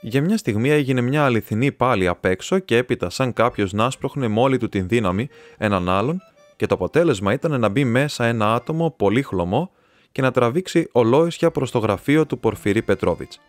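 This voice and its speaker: A Greek man narrating a classic novel as an audiobook reader, steady and even. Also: medium pitch, dry recording, soft background music. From Greece. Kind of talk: scripted narration.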